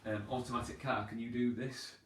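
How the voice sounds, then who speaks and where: Rambling trainer, echoey room. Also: male voice, mid-range voice, steady tone, a little fast, fairly bright tone. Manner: rambling, chatty and self-deprecating. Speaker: personal trainer. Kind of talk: casual live Q&A advice. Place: at home on a sofa. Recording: echoey room, distant from mic, faint background noise.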